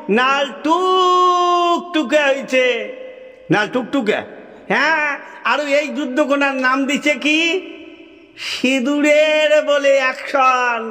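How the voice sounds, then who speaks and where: A man's voice: extremely high pitch, bright, forceful tone, in a large hall, exaggerated voice. A man voicing chatty old village men in a folk puppet-show dialogue, speaking with a Rajbanshi accent and a folksy, repetitive manner. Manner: repetitive, folksy, laughing asides.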